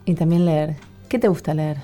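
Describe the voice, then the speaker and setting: Low-voiced Rioplatense woman radio host. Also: moderate pace, warm tone, soft background music. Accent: Rioplatense Spanish. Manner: playful, encouraging, echoes the child's answers. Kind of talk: radio interview with a child.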